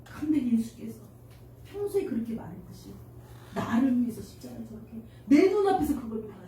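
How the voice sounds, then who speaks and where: A woman's voice: on the high side, big pitch swings, fairly quick, warm tone, slight background noise. A woman pastor giving an emotional sermon to a children's congregation, asking them questions. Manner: emotional, tearful at moments, addresses congregation with questions. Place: church sanctuary. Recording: echoey church hall from far off.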